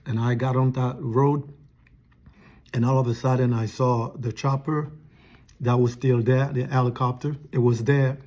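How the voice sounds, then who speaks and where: A man earnestly telling a personal spiritual testimony, halting and restarting as he goes, eating something while he talks. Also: medium pitch, darkish tone. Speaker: testimony speaker.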